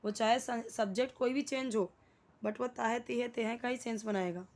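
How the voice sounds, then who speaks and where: Young Indian woman, English teacher, a touch high-pitched, slow and patient, checks in with questions. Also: fairly even intonation, darkish tone. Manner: explains slowly, checks with questions and repeats key words. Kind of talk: Hindi-medium English grammar lesson.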